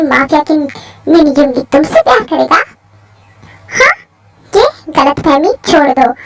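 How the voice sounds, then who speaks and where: A woman voicing a cold, mocking young male mafia boss in a lowered voice. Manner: cold, dismissive, low. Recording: faint music behind.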